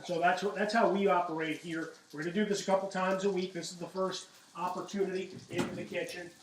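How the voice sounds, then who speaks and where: A middle-aged man hosts a casual cooking demonstration in his home kitchen, chatting in a folksy way and throwing in punchy asides. His high-pitched voice is level and fairly quick, picked up off-mic by a distant microphone in a roomy kitchen with a little hiss or hum.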